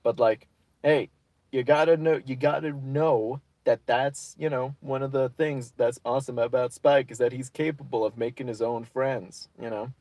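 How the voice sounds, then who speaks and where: A man hosting a relaxed livestream chat, rambling goofily and riffing on viewer comments. His voice sits at an ordinary middle pitch. The recording is dry, with no room echo. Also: normal speed. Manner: rambling, goofy, improvises silly rhymes. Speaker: livestream host.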